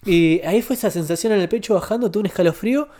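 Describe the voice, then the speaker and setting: A young man with a Rioplatense Spanish accent tells a personal story on a casual podcast. His voice sits a little high for a man, and he is animated and confessional, piling up repeated words for emphasis. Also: racing. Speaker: guest.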